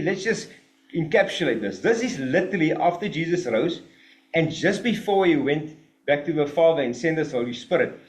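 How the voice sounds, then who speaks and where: A man preaching a sermon in an emphatic, animated way, with mocking asides. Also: fairly high pitch. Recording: roomy echo.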